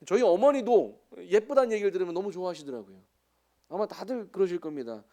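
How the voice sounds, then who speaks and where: A man's voice: sits high, a little mellow. A man in his forties with a Jeolla Korean accent, a missionary preaching a sermon with chatty, joking asides to the congregation. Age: 40s.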